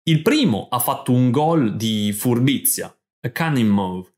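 A man reading scripted narration for language learners, telling a story in short, clear sentences. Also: medium pitch, lively intonation, takes it slowly, a little mellow, a little hiss or hum. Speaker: podcast host and language teacher.

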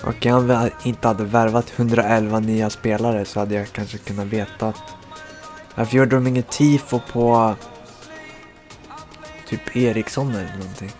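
Excitable male gamer commentating his own football match, faint game music behind. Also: on the low side. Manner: excitable, shouts at goals, groans at misses. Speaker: gaming channel host. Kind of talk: live gameplay commentary.

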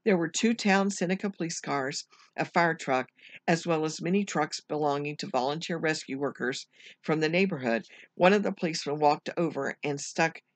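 A teacher reading a children's chapter book aloud at home, measured and careful, now and then correcting a slipped word. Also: mid-range voice, no echo. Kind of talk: storybook read-aloud.

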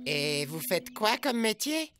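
A woman playing a naive, earnest young boy who herds animals in a French animated cartoon, hesitant when flustered. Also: medium pitch, slow. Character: naive, earnest young boy herding beloved tame bison. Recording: music behind the voice.

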